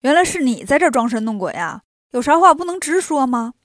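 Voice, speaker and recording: A woman voicing a clever, self-assured monkey hero who talks briskly. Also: high voice, sing-song, no room sound, studio quality. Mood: cocky.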